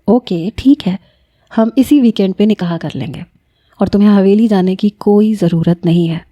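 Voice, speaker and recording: A woman voicing a calm, tender young male professor who speaks gently and reassuringly. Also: mid-range voice, natural voice. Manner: gentle, soothing.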